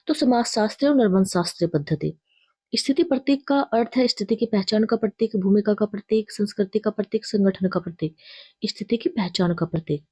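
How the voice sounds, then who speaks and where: A woman's voice: medium pitch, dark tone, slightly rough, dry recording, clean studio sound. A woman teacher reading out exam quiz questions with their options, then explaining each answer and correcting herself along the way.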